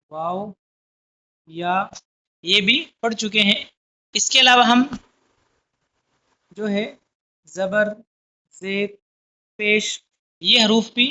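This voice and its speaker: A woman's voice: mid-range voice, sharp tone. A woman teaching a lesson at a careful pace, sounding out letters and words one at a time. She keeps stopping to check that her students follow. The recording is a little dull and lo-fi. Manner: slow, deliberate letter-by-letter explaining with frequent checks. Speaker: Urdu teacher. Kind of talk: classroom lesson.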